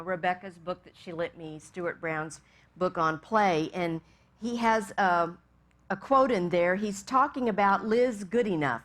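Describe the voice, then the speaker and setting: A woman minister from Texas leads a meditation, then moves into a gentle sermon told through stories and dotted with amused asides. Her voice sits at medium pitch.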